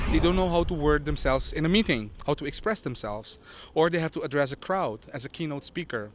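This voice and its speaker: Higher-voiced man with faint traffic behind. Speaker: university representative being interviewed. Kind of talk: interview statement.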